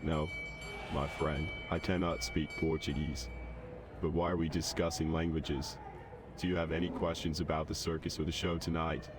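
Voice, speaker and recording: A man's voice: very deep voice, level tone, moderate pace, noisy background. A man voicing a boastful, courteous circus lion tamer in a video game, speaking in a florid, polite, pompous way. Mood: polite, proud. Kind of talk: game character dialogue.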